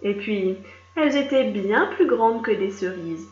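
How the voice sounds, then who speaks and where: Lady reading a kids story, talks to the kid, roomy echo, a bit dull sounding. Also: medium pitch. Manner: slow, expressive, addressing a child. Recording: roomy, slightly dull recording.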